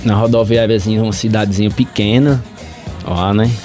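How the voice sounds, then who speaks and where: A man's voice: on the low side, steady tone, fairly quick, a little mellow, faint music behind. Rambling man telling a story. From Paraíba, Brazil. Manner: rambling, with frequent "entendeu?" and "velho". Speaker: guest. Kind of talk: casual podcast storytelling.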